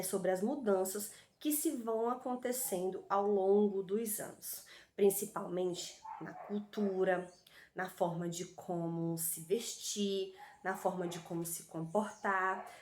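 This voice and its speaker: A Brazilian woman teaches young children online, her voice swinging up and down in a lively sing-song. She sounds out letters and syllables slowly and calls the kids by affectionate pet names. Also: mid-range voice. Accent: Brazilian Portuguese. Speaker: primary school teacher. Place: home recording with street dogs barking outside.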